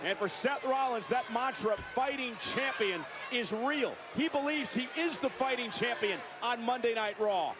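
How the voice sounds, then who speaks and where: A man works as a wrestling commentator, calling the action live. His voice rides very high, with excitable, emphatic calls in clipped phrases. Heavy arena noise roars behind him. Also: normal speed, few pauses. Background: loud arena noise.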